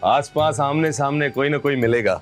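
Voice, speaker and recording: A man's voice: medium pitch, moderate pace, soft background music, natural voice. An actor playing a playful young man who teases and courts a neighbor in a TV drama. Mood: teasing. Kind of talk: TV drama acting.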